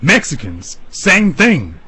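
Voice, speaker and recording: A man hosting a talk radio show, delivering an emphatic, preachy monologue that leaps high for emphasis. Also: wildly swooping pitch, slow, bright, forceful tone, slightly rough, dry recording, rough recording.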